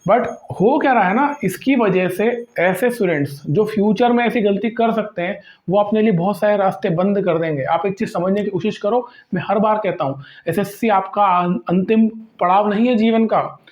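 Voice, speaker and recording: Earnest high-voiced teacher, echoey. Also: male voice, normal speed, hardly any pauses. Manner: earnest, lecturing, rhetorical questions. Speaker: exam coaching teacher. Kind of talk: earnest direct-to-camera talk to students.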